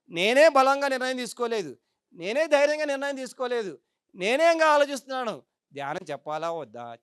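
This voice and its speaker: Emphatic woman meditation teacher, smooth dry voice. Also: fairly high pitch, no room sound. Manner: emphatic, full of rhetorical questions and repeated tag questions. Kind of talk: spiritual talk to a live audience.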